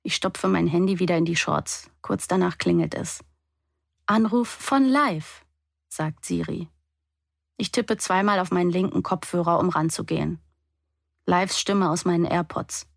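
Woman narrating an audiobook, quiet and intimate, low gravelly voice, dry close sound. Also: steady tone, normal speed, no room sound. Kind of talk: first-person novel reading.

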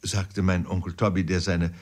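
A man reading a classic novel aloud in measured storytelling narration, with occasional fillers. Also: sits low, little pitch movement. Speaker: audiobook narrator. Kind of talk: literary audiobook narration.

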